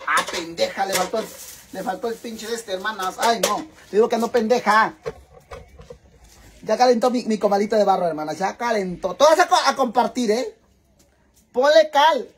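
A man's voice: sits high, moderate pace, a little hiss or hum. A man with a Mexican accent talking in a casual cooking vlog. He is dramatic and chatty, swears freely, and keeps calling his viewers sisters. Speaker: vlogger.

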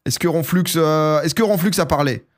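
Speaking at a normal speed, a young man with a sore throat chats casually and excitably on a live stream. He keeps jumping into loud, high bursts.

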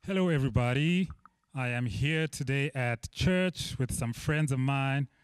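A man's voice: mid-range voice, a little slow, smooth, dry recording, clean studio sound. Upbeat man leading a church sing-along. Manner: cheerful, calls out to the singers. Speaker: music leader.

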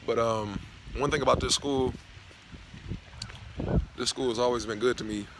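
Speaking at a normal pace in a steady, mid-range voice, a young adult man from Knoxville, Tennessee, rambles and curses freely in a casual vlog rant. He films himself outdoors on a college campus with a phone held at arm's length, and background noise is clearly heard.

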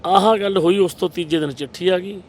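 A man speaks quickly and with conviction, his voice sitting a little high as he presses each point home. He answers in an impassioned interview style, building rhetorical runs. A faint rumble of traffic hums behind him outdoors. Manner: forceful, rhetorical, retells scenes with quoted dialogue. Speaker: political candidate.

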